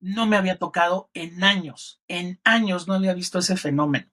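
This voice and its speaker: A man's voice: high-pitched, a little fast. A middle-aged man with a Mexican accent, a film critic talking as a guest in a podcast interview and telling stories expressively. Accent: Mexican Spanish. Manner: expressive storyteller who acts out quotes in other voices.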